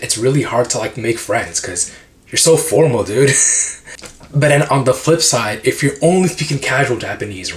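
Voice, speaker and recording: A man giving laid-back advice to language learners in a lively, slangy voice. He chats straight to the camera like he is talking to friends, with frequent laughs. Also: mid-range voice. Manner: energetic, slangy, laughs often. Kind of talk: casual educational video.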